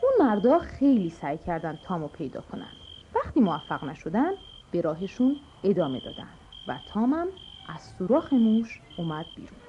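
A woman narrating a children's storybook, expressive and addressing the kids. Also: medium pitch. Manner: animated, expressive. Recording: dull lo-fi audio with music.

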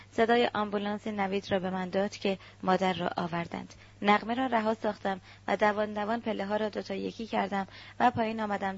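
A woman reads a novel aloud in the first person in a sorrowful storytelling manner. Her voice sits at an ordinary pitch, and the recording is dull and lo-fi. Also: vocal fry. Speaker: audiobook narrator. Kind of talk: scripted first-person narration.

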